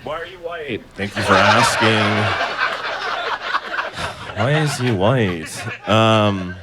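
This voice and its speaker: A young man from Indonesia performing a stand-up comedy set, delivering absurd punchlines in a deadpan way on a club stage. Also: lowish voice, slow pace. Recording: live club set with clear audience noise.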